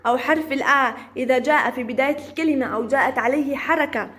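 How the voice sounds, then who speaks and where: A woman teaching a first-grade phonics lesson, sounding out syllables slowly and playfully, with encouraging praise. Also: high voice, a bit bright. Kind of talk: early-reading phonics lesson.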